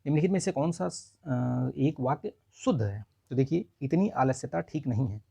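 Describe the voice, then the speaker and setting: Male tutor, husky and gravelly, casual and explanatory, dry close recording. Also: medium pitch, animated, moderate pace, dark tone, no room sound. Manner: explains answer by answer, says 'ठीक है' often. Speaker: Hindi exam tutor. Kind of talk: casual spoken lesson.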